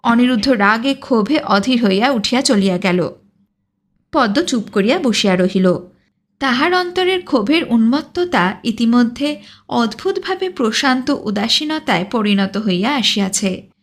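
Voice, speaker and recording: A woman narrating a literary audiobook in a measured, expressive reading. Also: a little high.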